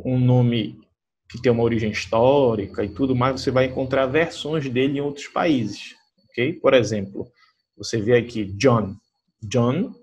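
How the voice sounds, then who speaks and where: Husky-voiced Brazilian man teaching English. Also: mid-range voice, darkish tone. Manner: chatty, many fillers like "né" and "tá"; slows right down to read English example sentences. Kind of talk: recorded school lesson.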